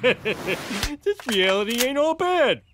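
A man voicing a bumbling, grumpy middle-aged cartoon father who shouts and gasps a lot. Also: very high-pitched, big pitch swings, slow, heavy background noise, full character voice. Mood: rowdy. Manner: shouty, blurts out yells and gasps. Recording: loud music underneath. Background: loud music.

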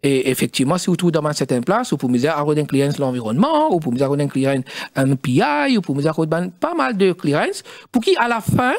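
A middle-aged man with a Mauritian accent, a studio guest explaining in halting speech with many fillers and restarts. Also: a little high, big pitch swings, no room sound. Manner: halting, mixes French and Creole, many fillers. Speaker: studio guest, former district council president.

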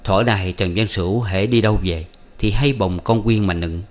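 A man reading a classic novel aloud as an audiobook narrator, in steady, even storytelling. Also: on the low side, moderate pace. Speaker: audiobook reader.

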